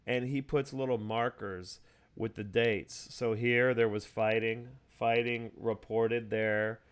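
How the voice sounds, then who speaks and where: A man's voice: medium pitch, fairly even intonation, slow pace, smooth. A man hosting a casual chat over a video call, explaining things at length with many fillers and restarts. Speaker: host. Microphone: video call mic.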